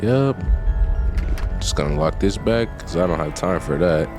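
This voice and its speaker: A man giving casual, slangy gameplay commentary, reacting out loud in an animated way. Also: low-pitched, normal speed, over music. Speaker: gaming video creator.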